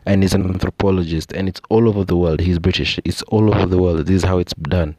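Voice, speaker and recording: A young Kenyan man with a deep, low voice talks through ideas in a relaxed, explanatory monologue. He keeps dropping in "you know" and "I think" as he goes. The sound is close and dry. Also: quick pace, dry recording. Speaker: podcast host. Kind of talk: casual monologue.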